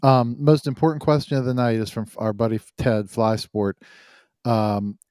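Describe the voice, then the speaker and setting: A man's voice: medium pitch, flat delivery, normal speed, a little mellow, no echo, studio quality. A man co-hosting a podcast, giving firm, emphatic opinions in casual chat. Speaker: podcast co-host.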